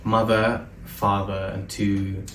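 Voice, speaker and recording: In this conversational interview, the male guest talks slowly in a level, somewhat low voice with a slight brightness, earnest but hesitant and full of ums. The room echoes, the mic is distant, and faint noise sits in the background.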